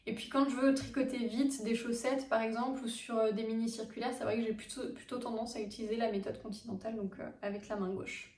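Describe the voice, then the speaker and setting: A woman's voice: a little high, steady tone, quick pace, few pauses, a little mellow, recorded from a distance. A woman hosting a knitting vlog, chatting casually with many fillers and restarts. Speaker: knitting podcast host. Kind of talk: casual show-and-tell vlog. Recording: echoey room, mic set back.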